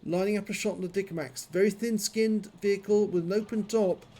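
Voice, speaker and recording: A man's voice: high voice, steady tone, fairly quick, warm tone. A man commentating on a video game, his speech slurred and clumsy from a numb, frozen jaw. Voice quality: slurred, numb-jawed speech from dental infection.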